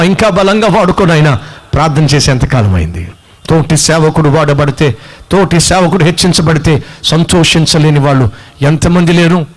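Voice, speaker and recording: Brief: male preacher, high-pitched, forceful sermon delivery with rhetorical questions.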